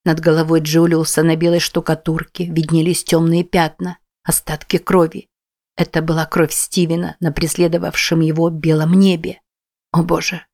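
A woman's voice: low-pitched, level tone, moderate pace, darkish tone. A woman narrating a tense first-person audiobook.

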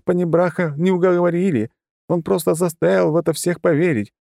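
A man's voice: high-pitched, fairly even intonation, a little fast, creaky, darkish tone, no room sound, clean studio sound, pitched above the performer's own voice. A man doing a frantic, gabbling village mother. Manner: gabbling, pleading.

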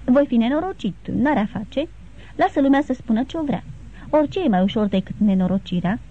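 A woman's voice: on the high side, expressive, mellow. A woman voicing an anxious, despairing young man in an audiobook, speaking in pleading tones. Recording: tinny phone-like sound.

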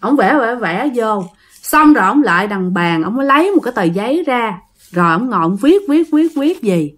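A woman's voice: a little high, sing-song, moderate pace. A woman with a Southern Vietnamese accent retelling a ghost story, talking straight to her listeners and repeating words to build suspense.

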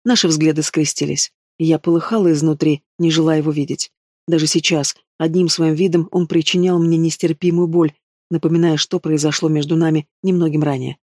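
A man's voice: on the high side, level tone, brisk, a little mellow, no room sound, studio quality. Man narrating a fantasy audiobook. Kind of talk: scripted narration.

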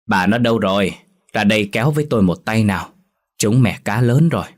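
A man's voice: low voice, animated, brisk, darkish tone, husky. A man voicing a plain-spoken village fisherman in a ghost story. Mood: calling out.

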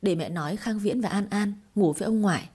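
A woman voicing a calm, protective middle-aged mother in a read-aloud story, with a mellow voice. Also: medium pitch, brisk, breathy edge, natural voice. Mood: calm firm. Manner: soothing, steady.

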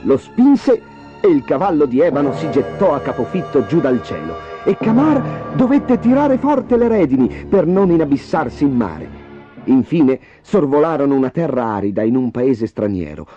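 A man narrating a fairy tale in a dramatic, expressive way, in a dull lo-fi audiobook recording. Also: a little high. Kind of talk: storybook reading.

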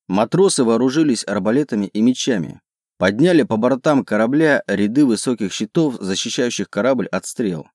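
A man reading a fantasy audiobook in the first person, in an even, measured way. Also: mid-range voice, no room sound, clean studio sound. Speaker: audiobook narrator.

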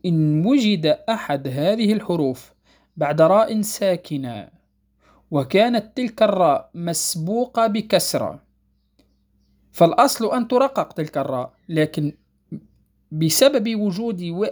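A woman teaching the rules of Quran recitation. She explains patiently, repeats key points, checks that students follow, and recites verses slowly and melodically. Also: on the low side, expressive, a little mellow. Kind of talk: tajweed lesson explaining rules.

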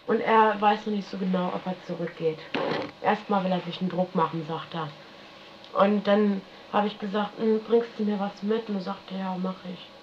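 A woman talks through her memories in a loose, rambling, colloquial way, finishing her sentences with a questioning "ne?". Her voice sits at a medium pitch. It comes from a dull, lo-fi archival radio tape with a faint hiss underneath. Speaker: interviewee recounting her life. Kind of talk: casual spoken recollection.

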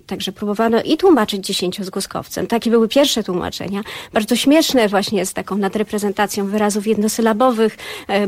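A woman's voice: fairly high pitch, darkish tone, dry recording. A woman speaking as a scholar guest in a radio studio discussion, precise and lecturing with brief hesitations.

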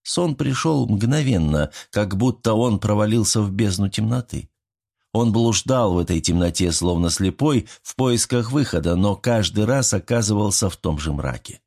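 Low, gravelly male storyteller. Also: animated, normal speed, darkish tone. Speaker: narrator. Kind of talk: scripted fairy-tale narration.

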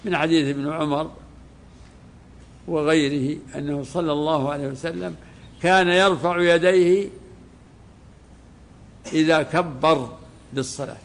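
A man who is a religious scholar, giving a classroom lesson that explains a legal text, deliberate and repeating phrases as he explains. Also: on the high side, steady tone, gravelly.

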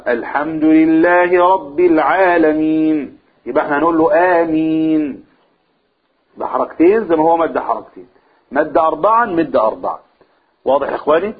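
A man with an Egyptian Arabic accent teaching a religious lesson to a group. He asks the room questions and answers them himself, and he draws out vowels to demonstrate recitation. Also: a little high. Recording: husky, phone-like lo-fi recording.

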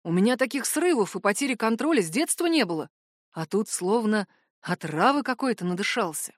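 A woman narrating a first-person novel as an audiobook, with an even, expressive reading. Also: medium pitch, a little fast, dry recording, clean studio sound.

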